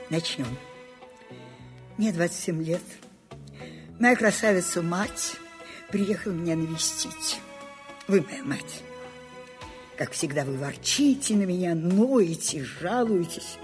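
Elderly grande dame, bossy then pleading, slow, measured delivery, faint music underneath. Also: female voice, on the low side. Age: older. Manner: commanding, then coaxing and pleading. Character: imperious elderly grande dame, demanding and forgetful. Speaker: aging grande dame dictating her memoirs. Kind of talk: dubbed film drama.

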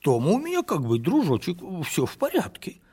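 Here a man fully voices a poor, humble old peasant in his 60s, using a slightly rough voice and a brisk pace. Proud in mood, the character talks in folksy, rustic speech, swinging between whispers and high, excited outbursts.

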